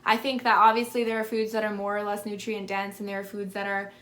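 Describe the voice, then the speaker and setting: A woman's voice: mid-range voice, level tone, quick pace, fairly bright tone. A woman in her twenties with a lisp, answering viewer questions in a casual vlog, filling her talk with "like". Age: 20s. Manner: chatty, lots of "like" fillers. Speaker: fitness vlogger. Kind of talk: casual Q&A to camera.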